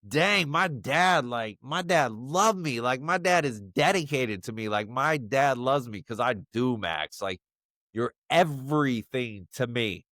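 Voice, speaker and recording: Slow, halting father, choked up. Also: mid-range voice, animated, bright, forceful tone, no room sound, studio quality. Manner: halting and emotional, many fillers. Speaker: father addressing his young son. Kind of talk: personal video message.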